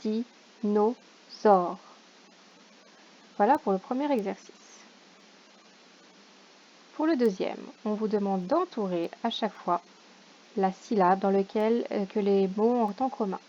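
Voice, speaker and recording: A primary school teacher, a woman, going over a homework correction for parents, sounding out each word slowly syllable by syllable. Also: medium pitch, warm tone, highs cut off. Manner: slow, deliberate, sounds out words syllable by syllable.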